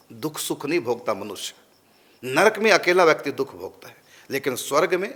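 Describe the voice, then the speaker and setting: Guy giving a religious talk, a bit high-pitched, keeps asking the listeners questions. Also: fairly bright tone. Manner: rhetorical questions to listeners, emphatic. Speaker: spiritual teacher. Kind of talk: religious discourse answering a question.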